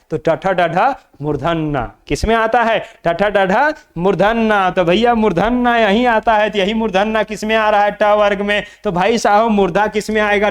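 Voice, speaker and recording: A man's voice: high voice, clear, resonant tone. A man teaching an exam-prep lesson from Jharkhand, drilling mnemonics by asking and answering his own questions. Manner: repetitive call-and-response drilling, asks and answers own questions; chants mnemonics slowly.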